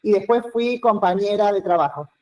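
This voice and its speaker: A woman's voice: medium pitch, moderate pace, warm tone, poor audio. A woman, a former teacher, introducing herself in a friendly way on a video call. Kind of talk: casual self-introduction.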